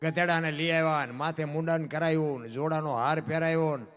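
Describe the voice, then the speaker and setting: A man's voice: fairly high pitch, steady tone, a little fast, a bit bright. A man, a folk storyteller telling a devotional tale with emotion and voicing the characters in dialogue. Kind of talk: Gujarati dayro devotional storytelling. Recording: faint music behind the voice.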